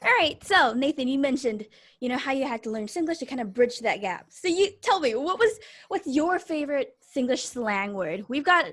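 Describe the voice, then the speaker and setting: A woman's voice: high voice, expressive, moderate pace, fairly bright tone. Upbeat young woman hosting a live online show. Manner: upbeat, chatty, addresses audience directly. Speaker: host. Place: home video call. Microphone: video call mic.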